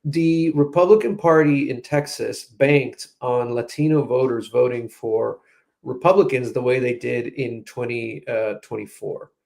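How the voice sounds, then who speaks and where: In a political commentary interview, a strategist guest offers analysis in a mid-range, creaky, slightly mellow voice, speaking a little slowly. His manner is conversational, with frequent restarts and plenty of "you know" fillers.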